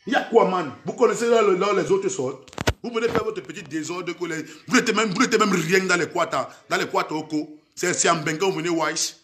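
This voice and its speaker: A man's voice: high voice, a little fast, fairly bright tone, roomy sound, a little hiss or hum. A man from Cameroon with a Cameroonian French accent, mixing in Camfranglais, delivering a heated, threatening rant for social media and repeating the same words.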